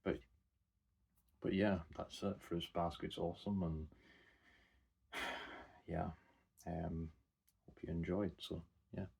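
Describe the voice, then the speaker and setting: A young man talks his way through an anime review, loose and unscripted, often cursing and circling back on his words. His voice sits very low and carries a gravelly, husky grain. He keeps an even, flat tone throughout. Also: takes it slowly, long pauses. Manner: rambling, informal, swears casually. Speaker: anime vlogger. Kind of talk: casual unscripted review monologue.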